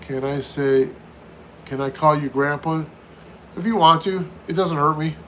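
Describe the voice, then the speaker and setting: A man's voice: a little high, unhurried, a bit bright, a little hiss or hum, low-quality recording. An American man in his fifties chatting casually on a live stream, answering viewer questions one after another and often repeating himself. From United States. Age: 50s. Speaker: livestream host.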